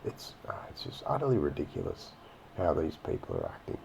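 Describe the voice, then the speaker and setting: A man's voice: deep voice, huge pitch swings, a little fast, gravelly, a little mellow, slight background noise. A man giving blunt, profane, indignant commentary while reacting to police footage. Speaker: video reaction host.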